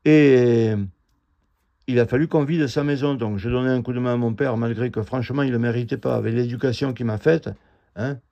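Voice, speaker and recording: Bitter, gravelly middle-aged man ranting. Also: medium pitch, steady tone, warm tone. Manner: indignant, bitter, halting with many fillers and restarts. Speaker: vlogger telling a personal grievance. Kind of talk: rambling first-person account. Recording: dull lo-fi audio.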